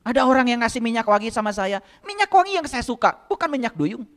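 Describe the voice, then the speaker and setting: A man's voice: very high-pitched, very animated, fast, a bit bright. Guy preaching, keeps firing questions at the crowd, big hall echo. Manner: rhetorical questions to the audience. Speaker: spiritual teacher. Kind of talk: sermon to a congregation. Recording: long hall reverb.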